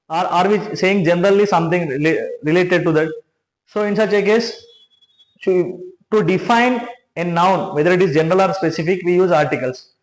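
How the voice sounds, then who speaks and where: A man teaching grammar, explaining step by step with many restarts and frequent checks of "right?". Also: sits high. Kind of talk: classroom grammar lesson. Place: classroom with a board. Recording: echoey room.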